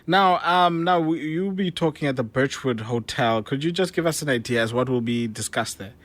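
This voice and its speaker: A man's voice: mid-range voice, normal speed, a bit bright. A male radio host asking interview questions, with many fillers and hesitations. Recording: dry studio sound.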